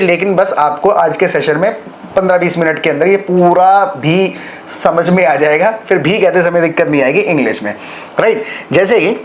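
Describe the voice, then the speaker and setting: A man's voice: high-pitched, a little hiss or hum. A man teaching a spoken-English lesson, patiently explaining and checking in with his learner.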